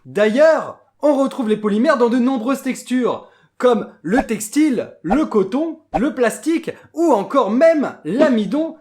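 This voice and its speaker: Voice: high-pitched, darkish tone. Casting : comédien faisant une mascotte non humaine pétillante, aiguë, qui explique des expériences à l'français. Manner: bubbly, exclamatory, instructional. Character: cheerful nonhuman lab mascot calling viewers humans. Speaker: toy demonstrator. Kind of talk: scripted toy presentation.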